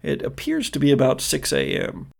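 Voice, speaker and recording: Male game master, gravelly voice, relaxed scene-setting narration. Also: mid-range voice, normal speed.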